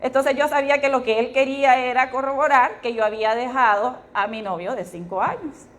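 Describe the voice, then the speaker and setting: A woman's voice: sits high, brisk. A middle-aged woman with a Honduran accent tells her personal testimony to a live audience. She speaks in a storytelling way and often turns to her listeners with tag questions. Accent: Honduran Spanish. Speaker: testimony speaker at a women's fellowship meeting.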